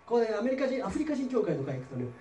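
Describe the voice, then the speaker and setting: A man's voice: very high voice, sing-song, very fast, dark tone, slight background noise. Man preaching in an echoey church. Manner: chatty preaching with frequent tag questions. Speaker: pastor. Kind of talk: conversational sermon. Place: church sanctuary. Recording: roomy hall picked up from a distance.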